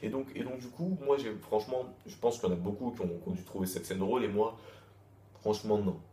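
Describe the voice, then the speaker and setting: A man's voice: fairly low pitch, fast, dark tone, echoey room. A young man giving a casual, candid manga review, often repeating words as he thinks.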